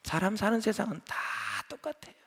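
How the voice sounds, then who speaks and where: A middle-aged male pastor preaches in an animated, conversational style. His voice sits high and swings widely in pitch, with a gravelly grain. It echoes through a large church sanctuary. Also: a little fast. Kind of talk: sermon.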